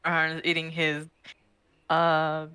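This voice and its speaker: Bright-voiced rambling game master. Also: medium pitch, completely flat delivery, takes it slowly, clean tone, no echo. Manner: rambling, lots of fillers and restarts. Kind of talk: narrating a tabletop game.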